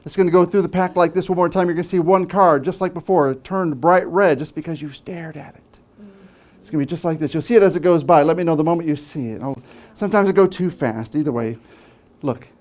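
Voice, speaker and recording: A man's voice: on the high side, fairly quick, darkish tone. A man performing as a stage magician, giving live patter to an audience, teasing volunteers playfully and tagging questions onto his phrases. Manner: frequent tag questions. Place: small theatre stage before a live audience.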